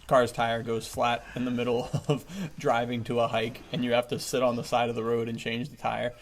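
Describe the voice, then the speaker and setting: A podcast host keeps the chat casual and chummy, enthusiastic and often chuckling, though his mid-range voice stays monotone and a little fast. Faint background noise sits under the recording.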